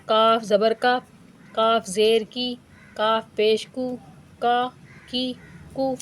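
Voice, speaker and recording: A woman Quran reading teacher with a Pakistani Urdu accent, giving a patient lesson that drills letters and vowel marks syllable by syllable in a measured chant. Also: on the high side, flat delivery. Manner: patient, explains rules briefly then drills each letter in a measured chant. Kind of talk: slow syllable-by-syllable recitation lesson.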